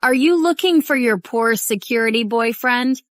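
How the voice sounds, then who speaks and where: A woman's voice: fairly high pitch, normal speed, dry recording, close to an everyday voice. A woman dubbing an arrogant, spoiled young heiress who talks down to everyone, recorded dry in a studio. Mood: sneering. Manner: sneering, haughty. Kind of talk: English drama dub.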